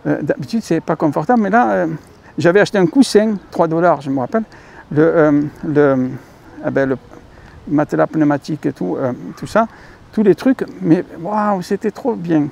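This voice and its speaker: Gravelly high-voiced French man rambling. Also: normal speed, darkish tone. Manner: rambling, many fillers and self-corrections, addresses viewers as dear friends. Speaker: YouTube channel host. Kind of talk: casual vlog monologue.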